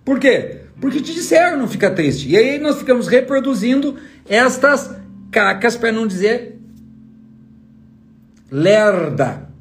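A man's voice: very high voice, expressive, slow, long pauses. A man giving an emphatic motivational talk as a trainer, full of rhetorical questions aimed at the listener. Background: faint guitar music.

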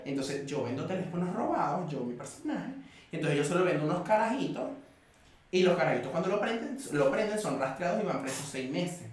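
A Venezuelan man, a podcast guest, telling stories in a lively, slangy, laughing way. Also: fairly high pitch, brisk, recorded from a distance. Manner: animated storytelling, laughing, slangy. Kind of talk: casual chat. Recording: echoey room, off-mic, chatter behind.

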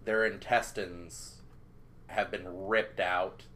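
Slow, low-voiced male game master. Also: fairly even intonation, bright, forceful tone. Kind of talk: narrating a tabletop game.

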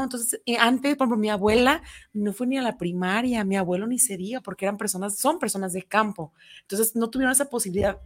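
A talkative woman who is a parent chats casually and tells stories in a lively way. Her voice sits in a medium register, neither high nor low. She comes across as relaxed and unscripted. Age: adult parent. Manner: chatty, animated storytelling with laughs. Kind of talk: casual chat.

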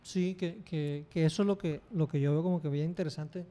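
Mexican male podcast host, mellow voice. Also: on the high side, brisk. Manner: relaxed, slangy, many fillers. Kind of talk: casual conversational interview.

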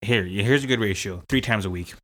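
A man's voice: lowish voice, fairly quick, a bit bright, dry recording. A young Canadian man co-hosting a casual podcast, making emphatic points and repeating himself. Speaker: podcast co-host. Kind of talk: casual chat.

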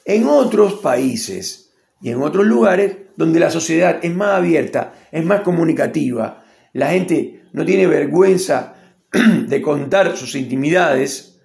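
Man, Rioplatense accent, opinionated casual monologue, gravelly, echoey room. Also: on the high side, lively intonation, takes it slowly, darkish tone. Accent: Rioplatense Spanish. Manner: rambling, opinionated, acts out quotes.

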